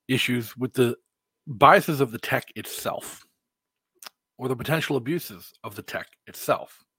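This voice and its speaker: An American man delivering a podcast monologue as host, in deliberate phrases with emphatic stresses. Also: mid-range voice, fairly bright tone, slightly rough, no room sound.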